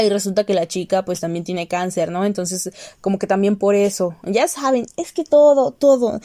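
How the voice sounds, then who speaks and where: A young Mexican woman reviewing a series in a casual, animated rant, swearing and breaking into high outbursts. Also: dry recording, clean studio sound.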